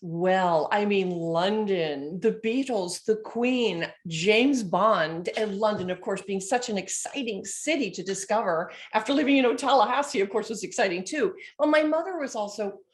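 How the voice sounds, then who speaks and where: A woman's voice: medium pitch, moderate pace, hardly any pauses. A woman in her sixties, originally from Scotland, chats as a guest on a video call and reminisces with fillers and restarts. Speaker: guest, former student now faculty. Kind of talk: casual interview over video call.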